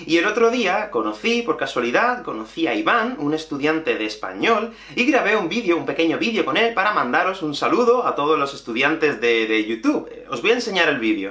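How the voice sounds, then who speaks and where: Animated Andalusian teacher in an echoey room. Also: male voice, a little high. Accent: Andalusian Spanish. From Andalusia, Spain. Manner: animated and emphatic, repeating key points. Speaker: Spanish teacher. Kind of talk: lively video lesson.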